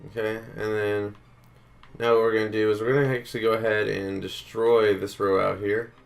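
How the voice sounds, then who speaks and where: A slightly sick man hosts a gaming tutorial, relaxedly walking through a build step by step, counting blocks aloud and using many fillers. His voice is fairly low, creaky, and at a normal speed, with soft background music.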